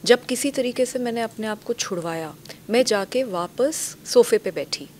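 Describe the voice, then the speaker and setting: A woman answering interview questions, giving a detailed and earnest account. Her pitch is average, and a faint ambient hiss sits behind her voice. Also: lively intonation, normal speed. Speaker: guest.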